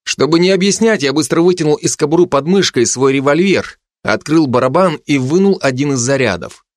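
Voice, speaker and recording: A man reading a first-person fantasy audiobook in a steady, clipped voice. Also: a little high, brisk, no room sound, clean studio sound. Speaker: audiobook narrator.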